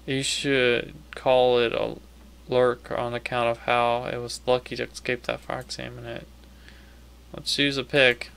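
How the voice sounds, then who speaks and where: A man's voice: medium pitch, level tone, a little slow, vocal fry, a bit bright, smooth. A man giving casual video game commentary, talking to himself and reading on-screen text aloud. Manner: self-talking, casually reacting. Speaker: gamer playing on commentary.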